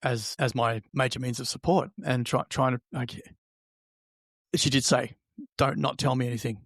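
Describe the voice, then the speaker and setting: A man, an interview guest telling a personal story in a halting, reflective, conversational way, acting out remembered remarks. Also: mid-range voice, steady tone, vocal fry, no echo, clean studio sound.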